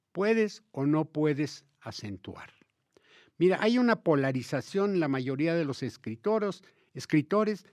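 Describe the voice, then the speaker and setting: A Mexican man with a Mexican Spanish accent, hosting a talk about language and explaining grammar in a lively, emphatic way, speaking straight to his listeners. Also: a little high, no echo, clean studio sound. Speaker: host of a language talk show.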